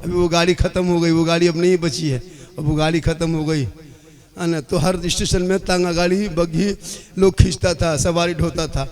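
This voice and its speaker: A man preaching a sermon. He tells a long parable and moves between plain speech and fervent sung, shouted invocations. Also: a little high, flat delivery, moderate pace, soft background music. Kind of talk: religious sermon with storytelling. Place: religious gathering.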